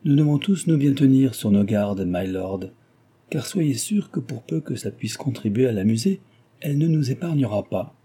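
A man's voice: mid-range voice, lively intonation, moderate pace, mellow, breathy edge, voice pushed up. A man reading an audiobook, voicing a composed, wary young woman in a slightly raised tone.

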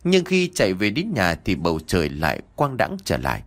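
A man's voice: huge pitch swings, brisk, fairly bright tone. A man narrating a ghost story in a dramatic storytelling style. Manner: dramatic, sweeping pitch.

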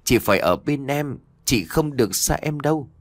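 A man's voice: medium pitch, lively intonation, moderate pace, dry recording, pitched above the performer's own voice, close to an everyday voice. A man voicing a tearful young boy who begs his sister to stay, in an audio story. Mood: pleading. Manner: pleading, urgent.

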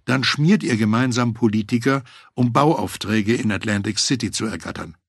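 A man voicing an eager, talkative male FBI agent who pitches his plan persuasively, in a husky voice. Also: moderate pace, dry recording, clean studio sound.

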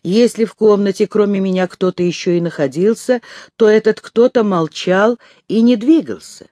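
A man narrating a first-person audiobook in a tense, measured storytelling manner. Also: high-pitched, dark tone, no echo, clean studio sound. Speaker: audiobook reader.

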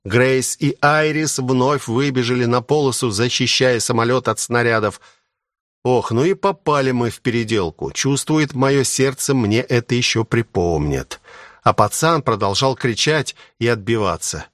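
A man reading a first-person adventure audiobook with steady dramatic storytelling. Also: mid-range voice, measured pace, no echo, clean studio sound. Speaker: audiobook narrator.

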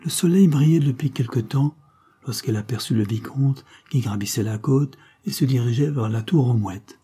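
A man narrating a classic adventure novel in an even, scripted storybook reading. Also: medium pitch, normal speed, breathy edge. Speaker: audiobook narrator.

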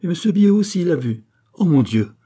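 A man's voice: a little high, big pitch swings, brisk, mellow, slightly rough, pitched above the performer's own voice. A man playing a boastful, fiery young peasant lad. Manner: boastful, emphatic declaiming.

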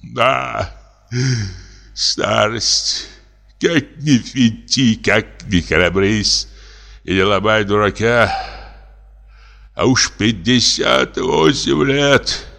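A man voicing a drunk, frightened old comic actor in his late fifties, speaking in a slow, trembling, self-pitying lament. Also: fairly low pitch, expressive, gravelly, pushed and bright, long reverb tail, pitched above the performer's own voice, heavily acted. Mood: gloomy. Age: older. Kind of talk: audiobook character reading.

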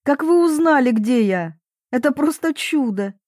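A woman voicing a cheerful, unflappable middle-aged mother who chirps and coos in a high voice. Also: fairly even intonation, unhurried, a little mellow, no echo, studio quality. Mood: chirpy. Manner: chirping, cooing, lightly lisping baby talk.

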